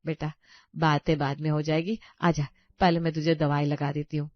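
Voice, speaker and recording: Woman doing a low-voiced older cartoon mother-in-law, scolding but caring, dry kinda muffled audio. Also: little pitch movement, moderate pace, dry recording, close to an everyday voice. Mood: soothing. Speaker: voice actor. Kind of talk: cartoon story voice acting. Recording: dry, slightly dull audio.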